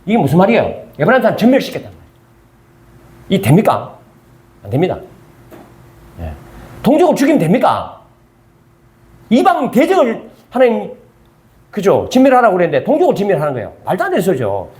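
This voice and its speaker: An older male pastor with a Gyeongsang accent preaches a Bible study sermon in a church. His voice sits high for a man and swings widely in pitch, and he keeps prodding his listeners with quick rhetorical check-ins. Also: wildly swooping pitch, darkish tone. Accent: Gyeongsang Korean. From Gyeongsang region, South Korea.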